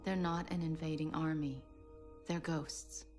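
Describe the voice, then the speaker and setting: A composed young female scientist in an animated film. She speaks low and flatly over faint music. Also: a little slow. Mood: solemn calm. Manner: flat, recorded-message calm. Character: calm young woman scientist.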